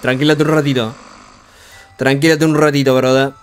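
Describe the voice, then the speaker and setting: A young man giving frantic live commentary on a horror game, urging himself on with rapid repeated words and joking with the game's characters. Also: medium pitch, flat delivery, clean tone. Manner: jokey, talks to the game's characters. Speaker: gaming streamer.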